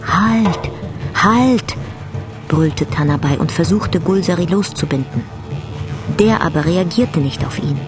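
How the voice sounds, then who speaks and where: A woman narrating a radio drama in a measured, dramatic storytelling manner. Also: deep voice, music in the background. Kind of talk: scripted literary narration.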